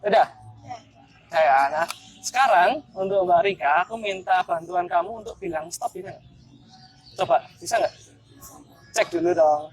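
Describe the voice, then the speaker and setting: A man's voice: high-pitched, moderate pace, pauses often, soft background music. A young man, performing street magic outdoors in a park and teasing the people he plays with in a chatty, playful way. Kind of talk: casual street performance patter.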